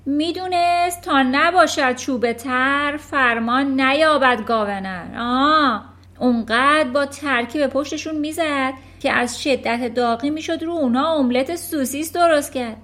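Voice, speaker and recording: A woman voicing a bullying, furious headmistress who shouts and hurls insults at a child in a storybook reading. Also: high-pitched, pitched above the performer's own voice. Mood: scornful.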